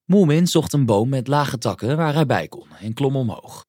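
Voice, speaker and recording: A man narrating a children's story in an expressive storytelling manner on a close microphone. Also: mid-range voice, moderate pace, no room sound.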